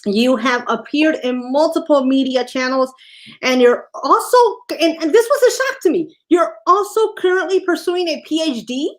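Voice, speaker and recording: A woman hosting an online talk show in a high voice. She is effusive, heaping praise on her guest and repeating her welcomes. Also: lively intonation, normal speed. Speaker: co-host.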